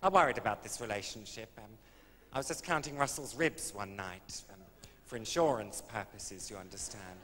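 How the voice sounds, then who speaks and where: A man, a cabaret comedian telling a comic story on stage with a dry, camp, deadpan delivery. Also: fairly low pitch, moderate pace, few pauses, slight background noise. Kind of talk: stand-up storytelling. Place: live stage venue. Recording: live hall recording from a video.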